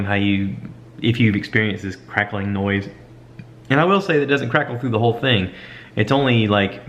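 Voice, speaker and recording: A man's voice: on the low side, a bit bright. A man vlogging in a casual, rambling, self-deprecating way, like an informal podcaster talking to viewers. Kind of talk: casual chat, stream of consciousness. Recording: dull lo-fi camera audio, light background noise.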